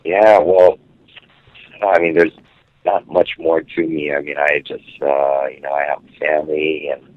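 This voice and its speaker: A man from Hawaii, a musician guest, talking casually and haltingly as he searches for his words, heard over a phone line. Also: a bass voice, flat delivery. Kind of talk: casual interview talk.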